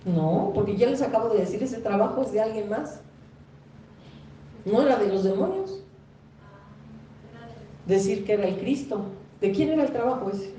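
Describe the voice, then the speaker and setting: A woman's voice: a little high, lively intonation, normal speed, long pauses, warm tone, dull audio, a little hiss or hum. A woman pastor preaching a sermon, chatting with the congregation, questioning them and acting out the people she quotes. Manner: conversational preaching, quizzes the congregation, acts out quoted speakers. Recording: echoey church hall, mic far off.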